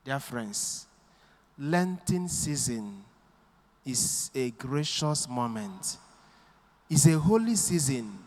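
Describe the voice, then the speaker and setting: A priest preaching a sermon into a pulpit microphone in a church, speaking deliberately and quoting scripture. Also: male voice, a little high, fairly bright tone. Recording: long church hall reverb.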